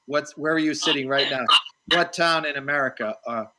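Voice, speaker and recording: A man's voice: fairly high pitch, fairly quick, noisy background. Rambling chatty man hosting an author chat. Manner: rambling, chatty, warmly complimentary. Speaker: host. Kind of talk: live video-call author chat. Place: home in Boston.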